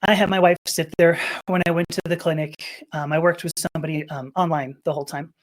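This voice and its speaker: Talking fast in a deep voice with fairly even intonation, this middle-aged Los Angeles woman shares a personal story as a guest on a podcast. She rambles, gets emotional, restarts her sentences and laughs.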